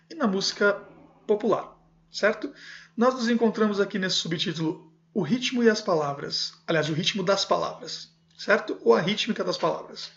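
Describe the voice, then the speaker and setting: A man's voice: high voice, muffled recording. A man reading aloud from a music theory book and explaining it, often checking in with his listeners. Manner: steady reading with frequent "certo?" check-ins. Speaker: music teacher translating a textbook.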